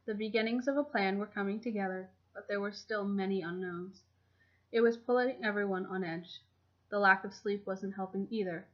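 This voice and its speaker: A woman reading a fan fiction chapter aloud in a steady, even storytelling manner. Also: medium pitch, normal speed. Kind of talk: audiobook narration. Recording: dull lo-fi home recording.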